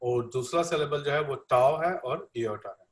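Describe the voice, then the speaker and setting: A man's voice: mid-range voice, moderate pace. A man interpreting a classroom lecture live, repeating each line with many fillers. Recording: echoey room.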